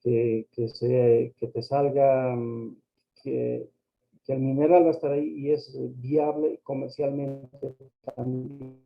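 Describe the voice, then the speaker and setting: A man lectures on accounting over a choppy, crackly microphone line, hesitant and full of fillers and tag questions. His voice is medium-pitched, level, slow, and creaky, and the dull lo-fi recording carries faint music behind him.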